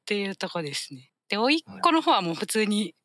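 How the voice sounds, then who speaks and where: Bright-voiced woman, reflective chat. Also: medium pitch, sing-song, brisk. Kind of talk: casual chat.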